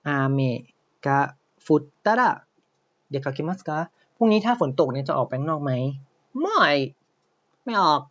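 Male Thai language teacher, slight Isan accent, fairly high voice, patient step-by-step explainer, lo-fi recording. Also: lively intonation, takes it slowly, fairly bright tone. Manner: explains step by step, often says "นะครับ" and asks "ใช่ไหม". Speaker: Japanese teacher. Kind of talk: online language lesson.

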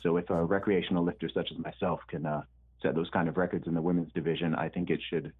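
Speaking fast in a low, husky voice with fairly even intonation, this rapper guest answers interview questions in a relaxed, hesitant way, repeating words and saying um a lot. His accent blends British and American; he was born in the UK, grew up in Saudi Arabia, and has Nigerian parents. The remote call line gives a tinny, phone-like sound.

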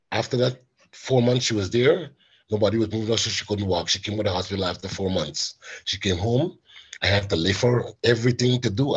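A man with a low, very husky voice speaks from the heart, his words catching with tears. The sound is dull and lo-fi, like a video call. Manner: heartfelt, acts out quoted dialogue. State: tearful, voice breaking. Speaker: caregiver sharing his story. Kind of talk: personal testimony in a webinar.

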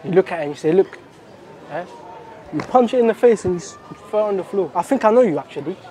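A prank vlogger in his twenties with a London roadman accent and urban slang does brash banter in a casual vlog style, set in a large clothing store and shopping centre. His voice is high, mellow and animated, and he talks fast.

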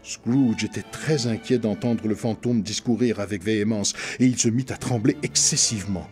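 A man reading a classic novel aloud in measured, expressive narration for a radio broadcast. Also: on the low side, soft background music. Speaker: reader. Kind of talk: literary audiobook narration. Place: radio studio.

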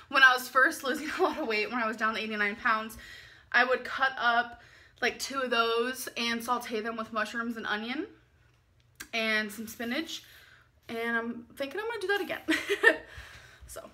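Young woman, twenties, bright tone, slightly high voice, giggly casual vlog chatter, home kitchen. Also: measured pace. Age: 20s. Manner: chatty, giggly, talks while unpacking items. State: tired, late at night. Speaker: vlogger. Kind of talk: casual grocery haul vlog.

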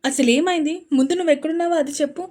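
A woman's voice: fairly high pitch, expressive, normal speed, lightly acted. A woman voicing a protective young man, urgent and commanding as he takes charge.

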